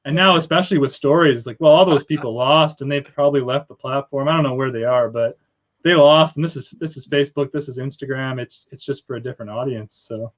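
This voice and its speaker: A man's voice: medium pitch, fast, lo-fi sound. A man talking as a guest in a casual interview over a video call, easygoing and joking.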